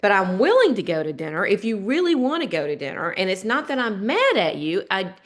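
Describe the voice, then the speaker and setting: A woman's voice: mid-range voice, sing-song, fairly quick. A woman on a discussion panel who tells candid, self-deprecating stories in a casual way.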